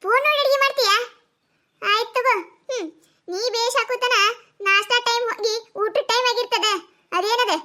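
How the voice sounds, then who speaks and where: A woman doing a sarcastic cartoon mother-in-law, North Karnataka accent, very high pitch, bright tone. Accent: North Karnataka Kannada. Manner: nagging, sarcastic, scolding. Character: scolding sharp-tongued village mother-in-law. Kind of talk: cartoon comedy voice acting.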